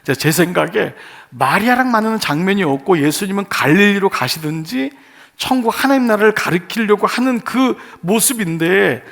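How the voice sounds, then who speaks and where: A man's voice: sits high, expressive, moderate pace, vocal fry, a bit bright. A male pastor giving an earnest sermon in short phrases, putting rhetorical questions to his congregation. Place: church sanctuary.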